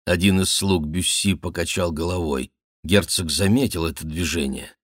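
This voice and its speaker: A man narrating a classic novel as an audiobook, in a measured, even storytelling manner. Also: low-pitched, no echo, studio quality. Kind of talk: scripted narration.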